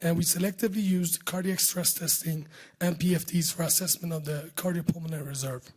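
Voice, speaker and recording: A man with a hoarse voice that is giving out, speaking close to the microphone as he presents surgical research in a scripted talk. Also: a little high, steady tone, a little fast, darkish tone. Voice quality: husky voice giving out. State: hoarse, losing his voice. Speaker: surgeon presenting research at a medical conference. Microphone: speaking close to a podium microphone.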